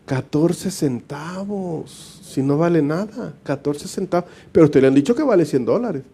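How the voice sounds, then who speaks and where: A pastor from El Salvador, with a Salvadoran Spanish accent, delivers a conversational Bible study in a colloquial, joking style, often chuckling and performing brief dialogues. His fairly high voice is expressive, mellow and slightly breathy, at normal speed.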